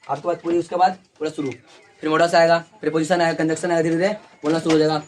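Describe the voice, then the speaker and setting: A male teacher runs a lesson at the board, talking quickly in a fairly high voice. He repeats key words and keeps checking that students follow. Faint ambient noise and birdsong sit under the classroom recording. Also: flat delivery. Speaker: English teacher.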